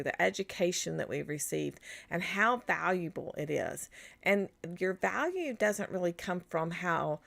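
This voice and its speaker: A woman's voice: lowish voice, creaky, a bit bright. A middle-aged woman giving a chatty live-streamed coaching talk to wellness practitioners, rambling with restarts and asides. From United States. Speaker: business coach for natural health practitioners.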